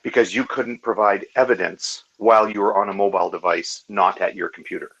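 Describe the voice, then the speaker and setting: Guest in an online chat, man with a low, gravelly voice, earnest and analytical. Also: steady tone, a little fast, fairly bright tone, poor audio. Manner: earnest, analytical, full of fillers and restarts. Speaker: hangout guest. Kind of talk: casual video call discussion.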